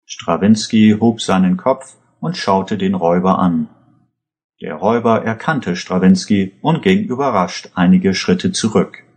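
A male narrator reads a story aloud in a deep voice. His pace is slow and even, and each sentence is measured out carefully. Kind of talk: read audiobook narration.

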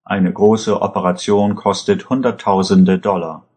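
A man's voice: low voice, flat delivery, measured pace, darkish tone. A man voicing a worried middle-aged pharmacist, an anxious father asking earnest questions.

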